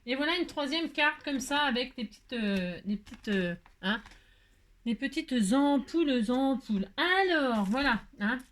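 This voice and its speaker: A woman's voice: sits high, animated, a little slow, a bit bright. Woman host, chatty self-mocking crafter talking viewers through a card tutorial. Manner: chatty, self-mocking, laughs often, many fillers. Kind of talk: casual crafting tutorial chat.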